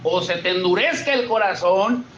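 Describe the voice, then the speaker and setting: Un hombre con acento mexicano da un sermón con voz un poco alta y cercana, como si conversara con los fieles. El audio es opaco, de poca calidad, con un ligero ruido. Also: male voice, sits high, expressive, moderate pace, lo-fi sound, background noise. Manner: conversational preaching, asks the congregation questions. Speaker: pastor. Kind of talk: sermon. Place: church service.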